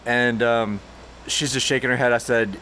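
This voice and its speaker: A man with a lilt tells a story in a relaxed podcast chat. His voice sits in the middle range and leaps up when he gets worked up. A faint noise floor runs underneath. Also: normal speed. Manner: animated, jumps high when acting out the story. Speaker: podcast co-host, brewery owner.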